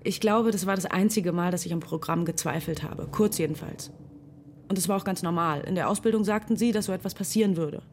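A woman's voice: fairly low pitch, brisk, a little hiss or hum, close to an everyday voice. An actress playing Deirdre, a thoughtful young woman narrating a sci-fi radio drama. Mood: reflective. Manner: quiet, thoughtful, restrained.

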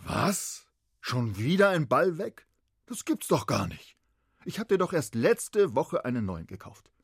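A man's voice: a little high, big pitch swings, measured pace, creaky, breathy edge, no room sound, studio quality, heavily acted. A man playing a fussy fatherly king who scolds his daughter in a children's radio play. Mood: scolding. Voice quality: huffy, scolding. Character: fussy fatherly king, grumbling about dirt.

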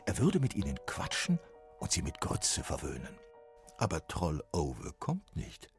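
A man narrating a children's story in a lively, expressive way. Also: very deep voice, a little slow, gravelly, faint music behind.

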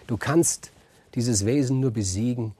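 A man's voice: medium pitch, unhurried, warm tone, slightly rough, no room sound. A man voicing an earnest young woman who gives urgent advice, in a told myth. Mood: urging.

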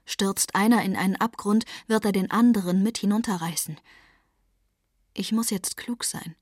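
A woman narrating a first-person novel, often dropping to a breathy whisper. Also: mid-range voice, normal speed, a little mellow, no echo, clean studio sound. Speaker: audiobook narrator.

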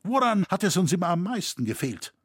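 A man's voice: high-pitched, sing-song, a little fast, breathy edge, no echo, clean studio sound, pitched above the performer's own voice, heavily acted. A man reading a rousing blunt smith. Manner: rousing, rhetorical. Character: blunt male smith, rousing his fellow craftsmen.

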